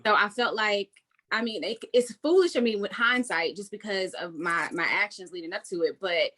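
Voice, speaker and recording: A woman's voice: medium pitch, moderate pace, sharp tone. A woman guest recalling events, hesitant and reflective, acting out what she said. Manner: hesitant, reflective, quotes herself animatedly. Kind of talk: casual conversation.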